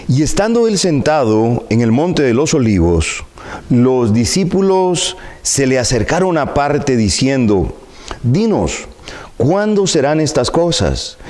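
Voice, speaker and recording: A middle-aged man preaching a sermon in a church sanctuary, reading scripture and praying in a measured, earnest way on a lapel mic. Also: medium pitch, darkish tone. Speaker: pastor.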